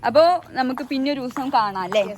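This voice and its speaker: A woman's voice: high voice, fast. A young woman with a Kerala Malayalam accent chats casually to viewers as a vlogger, mixing English words and phrases into her Malayalam. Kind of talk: casual vlog chat to viewers. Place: outdoors, walking along streets. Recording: noisy outdoor street with traffic.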